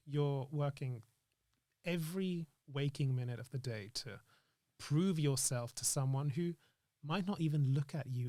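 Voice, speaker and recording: An actor and screenwriter, appearing as an interview guest, chats casually and reflectively, thinking aloud earnestly in broken phrases. His voice is mid-range and darkish, with no echo.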